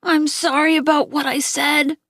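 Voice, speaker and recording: A woman voicing a gentle, tearful young boy who asks soft, pleading questions in a husky voice. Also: sits high, level tone, measured pace, no room sound, studio quality, pitched above the performer's own voice.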